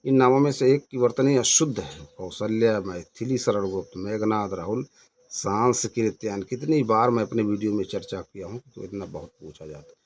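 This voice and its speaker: In an exam question review lesson, a man with a lowish voice works as an exam coach. He reads each question's options, names the answer, and repeats words slowly to drill their correct spelling.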